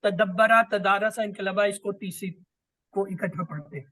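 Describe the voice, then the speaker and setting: A man's voice: high voice, steady tone, pushed and bright, dry recording. A man teaching a class, patiently explaining and repeating lists of words. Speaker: Quran grammar teacher. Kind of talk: online class lesson.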